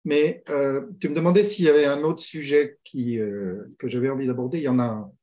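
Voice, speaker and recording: This guest, a French mediator, talks through his ideas in a storytelling way during a conversational interview, often hesitating, restarting, and using fillers. His voice is medium-pitched and mellow, fairly even in intonation and brisk in pace.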